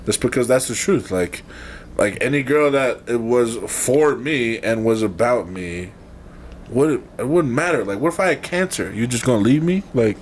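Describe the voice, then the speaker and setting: A young man spins a date story for his friends on a podcast, bouncing between his own voice and the lines he quotes. His pitch sits in the middle range, and a faint noise runs behind him. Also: normal speed. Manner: storytelling, animated, swearing, acts out quotes. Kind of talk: casual chat.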